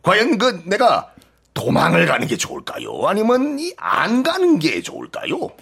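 A man's voice: high voice, wildly swooping pitch, moderate pace, vocal fry, a bit bright, slightly rough, heavily acted. An actor playing a sly, scheming male servant in a radio drama reading, wheedling and theatrical. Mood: pleading. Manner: cunning, fawning, theatrical pleading.

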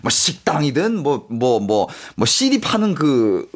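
A man in casual chat, explaining popular catchphrases and acting out movie lines with animated energy. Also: medium pitch, slow pace. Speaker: guest explaining Chinese pop culture.

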